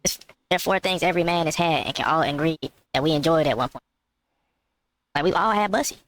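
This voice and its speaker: Man, skit comedian, deadpan, insistent, rapid delivery. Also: fairly high pitch, noisy background. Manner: mock-serious, insistent.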